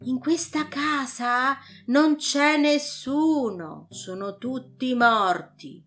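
A woman's voice: high-pitched, fairly bright tone, faint music behind, voice pushed up, heavily acted. A woman doing a ghostly little girl. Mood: eerie calm. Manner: small, slow, otherworldly voice. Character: pale ghostly little girl, eerie and still.

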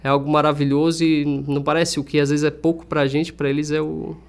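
A man's voice: fairly high pitch, level tone, brisk, gravelly, smooth. A young man, a music teacher and singer talking earnestly as an interview guest, often restarting his sentences. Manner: earnest, reflective, with frequent restarts.

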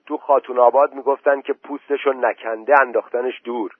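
A man's voice: mid-range voice, steady tone, breathy edge, dry recording, pitched above the performer's own voice, close to an everyday voice. A man voicing an eager scavenging village man who passes on rumors in a matter-of-fact way. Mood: plotting. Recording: tinny phone-like recording.

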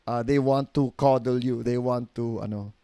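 A man's voice: medium pitch, unhurried, smooth, no room sound. A middle-aged Filipino man, a pastor, telling stories in a casual podcast chat, acting out quoted voices and laughing easily. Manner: animated storyteller who acts out quoted voices, laughs easily. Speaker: pastor guest.

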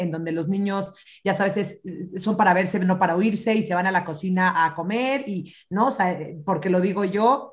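A woman, a parenting expert, explaining child development in an animated podcast chat and acting out children's lines. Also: lowish voice.

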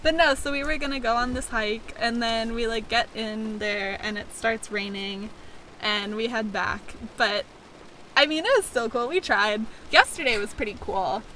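A woman's voice: a little high, moderate pace, bright, forceful tone, a little hiss or hum, rough recording. A young American woman co-hosting a podcast from inside a car, telling travel stories in a casual, giggly, filler-heavy way. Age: young adult. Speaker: podcast co-host.

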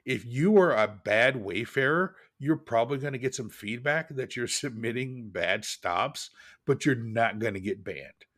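A man's voice: medium pitch, animated, a little slow, a bit bright. A man co-hosting a podcast, a father, chatting casually and jumping into exaggerated quoted voices. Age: adult with kids. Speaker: podcast co-host. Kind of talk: casual chat.

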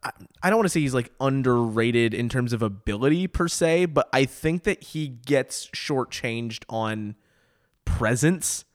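A man co-hosting a podcast in loose, sardonic chat, with swearing dropped in freely. His voice sits at a plain middle pitch for a man. The talk sounds offhand and unscripted. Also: lively intonation, a little slow. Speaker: podcast co-host. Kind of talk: casual chat.

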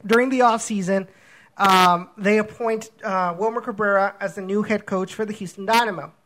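A man's voice: high voice, steady tone, moderate pace, a bit bright. A man co-hosting a soccer podcast in casual chat, rambling with many restarts and fillers. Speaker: podcast co-host.

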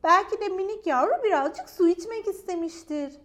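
A woman's voice: very high-pitched, lively intonation, normal speed, pitched above the performer's own voice. A woman doing an eager little storybook creature. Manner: bright, eager and reassuring. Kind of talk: storybook character voice.

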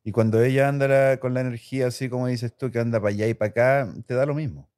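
A man's voice: medium pitch, fairly even intonation, fast talker, darkish tone, smooth. A middle-aged Chilean man, a father, explaining things with casual slang in a family chat. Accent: Chilean Spanish. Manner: explaining, colloquial.

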